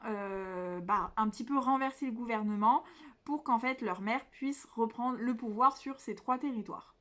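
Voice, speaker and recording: This is a book vlogger, a young woman with a fairly high, slightly bright voice, giving a laid-back review of books she read. She's at home near a window and speaks hesitantly, stumbling through many fillers and restarts.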